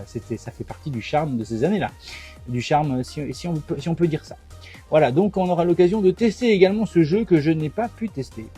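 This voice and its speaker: A man chatting casually as host of a retro gaming video, stopping and restarting often as he handles old consoles and games. His voice is warm, mellow and slightly husky, with faint music in the background. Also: a little high. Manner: chatty, hesitant with many fillers and restarts. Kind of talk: casual talk to camera while unboxing.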